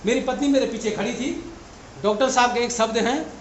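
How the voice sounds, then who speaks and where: A man, a parent, makes an agitated and emotional complaint at a public meeting in a hall, and at times he shouts. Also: extremely high pitch, fairly quick. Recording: echoey hall with faint noise.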